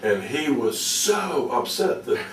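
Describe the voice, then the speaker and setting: A man being interviewed, telling stories casually in a halting, folksy way with repeated words. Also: medium pitch, very animated. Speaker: interview guest, activist. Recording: roomy, distant mic with faint noise.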